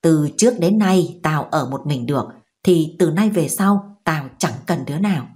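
A woman's voice: sits low, animated, normal speed, darkish tone. A woman voicing an angry old village mother scolding her son in a harsh, biting manner. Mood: bitter.

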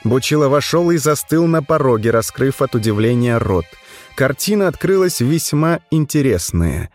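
A man's voice: medium pitch, very animated, moderate pace, faint music behind. A man narrating an audiobook in a wry storytelling manner. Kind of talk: scripted narration.

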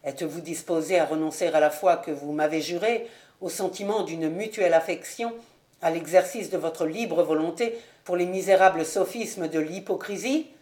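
Scornful wronged young nobleman, lowered voice; a female narrator plays him. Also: normal speed, a little mellow, close to an everyday voice. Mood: bitter. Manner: low, grave, contemptuous. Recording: echoey room.

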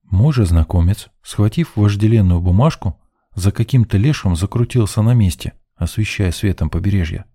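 Dark-voiced man narrating an audiobook. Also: fairly low pitch, lively intonation, moderate pace. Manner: dry, ironic first-person storytelling.

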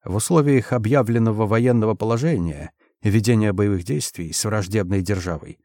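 A man voicing a slow, impassive commander. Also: on the low side, warm tone, no echo, studio quality, lightly acted. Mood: measured. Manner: slow, measured, weighty. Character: stern massive male military commander, slow and impassive.

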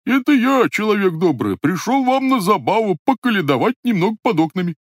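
An old Cossack's squeaky disguised whine. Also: male voice, big pitch swings, brisk, no room sound, clean studio sound. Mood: whining falsetto. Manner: falsetto whine, timid and pleading. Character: old Cossack disguising his voice, high and whiny.

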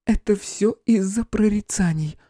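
A man doing a shrill, panicky young clairvoyant woman. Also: a little fast, warm tone, no echo, clean studio sound, lightly acted. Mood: frightened. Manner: shrill, breathless, pleading. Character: frightened distraught young female clairvoyant. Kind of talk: audiobook character voicing.

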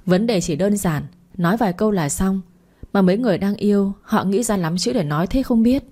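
A woman's voice: mid-range voice, lively intonation, a little fast, warm tone, natural voice. A woman reading the lines of a wry, teasing male assistant in a storybook.

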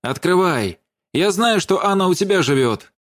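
A man's voice: high-pitched, lively intonation, moderate pace, fairly bright tone, pitched above the performer's own voice. A man voicing a scrawny, sickly man who demands entry insistently. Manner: demanding and pushy.

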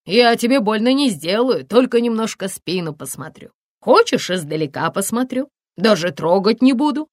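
A woman's voice: a little high, expressive, normal speed, no room sound, studio quality, voice pushed up. A woman voicing a middle-aged village healer in an audiobook, coaxing and motherly in tone.

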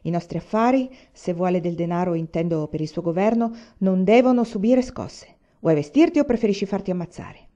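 A woman's voice: lowish voice, expressive, brisk, hardly any pauses, mellow, highs cut off, natural voice. Woman reading as a curt, stern banker father. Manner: clipped, curt sentences. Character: stern wealthy middle-aged male banker father.

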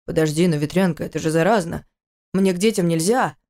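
A woman reading a story aloud, voicing a feverish, sullen husband in his thirties who speaks hoarsely and mumbles slowly in a low voice. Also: warm tone, lightly acted. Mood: protesting.

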